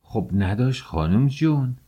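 A man voicing an old nanny woman who is lazy, fussy and pleading, with a husky voice. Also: medium pitch, expressive, warm tone, pitched above the performer's own voice. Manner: pleading, chatty.

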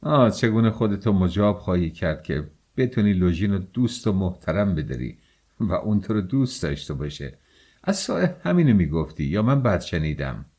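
A bitter, feverish young man, as a male reader voices him speaks scornfully in an audiobook. The voice sits low and dark, often dropping to a quiet mutter. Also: big pitch swings, breathy edge, full character voice.

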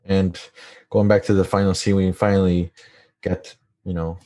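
Laid-back low-voiced young man. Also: flat delivery, moderate pace, warm tone. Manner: laid-back, laughs often, short agreeing replies. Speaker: podcast co-host. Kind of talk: casual chat.

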